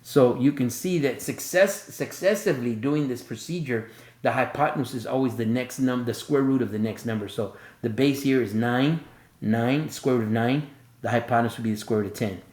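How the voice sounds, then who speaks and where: A man's voice: medium pitch, moderate pace, darkish tone, roomy sound. A man teaching a screen-recorded math tutorial, thinking aloud step by step and correcting himself as he goes.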